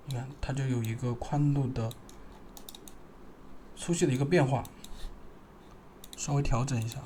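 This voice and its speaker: A man narrating a screen-recorded software tutorial, thinking aloud and pausing as he works. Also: medium pitch, steady tone, a little hiss or hum. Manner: thinking aloud, halting, pausing while working.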